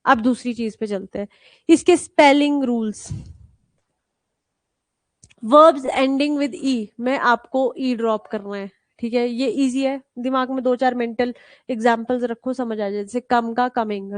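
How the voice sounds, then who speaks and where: A woman's voice: on the high side, fairly even intonation, measured pace, no echo. Hindi-speaking woman teaching English grammar. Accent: Indian English. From India. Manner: addresses students as "beta", quizzes them; switches between Hindi and English terms, spells out rules. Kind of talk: live classroom lesson.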